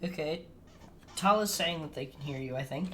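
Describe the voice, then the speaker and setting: A podcast co-host with a bright, forceful, medium-pitched voice talks at normal speed during a casual live stream. Flustered and self-deprecating, they laugh off technical problems, heard through a streaming desk mic with slight background noise.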